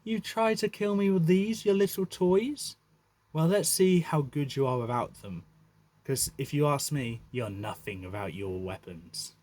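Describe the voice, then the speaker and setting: A man putting on a high, mocking wasp-woman villain. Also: measured pace, darkish tone. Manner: taunting, mocking.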